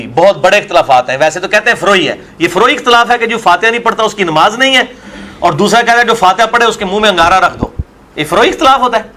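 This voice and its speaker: Argumentative man, high voice. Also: sharp tone. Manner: argumentative, full of rhetorical questions. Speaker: religious scholar. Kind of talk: religious discussion in an interview.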